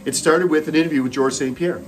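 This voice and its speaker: A man's voice: fairly high pitch, steady tone, fast, faint music behind. A middle-aged man with a Canadian accent telling a personal story while running on a treadmill, speaking in short broken phrases. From Moncton, New Brunswick, Canada. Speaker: host.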